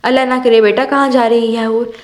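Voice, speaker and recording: A woman's voice: fairly high pitch, flat delivery, fairly quick, natural voice. A woman voicing a patient, soothing older mother-in-law in a storybook reading. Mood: concerned.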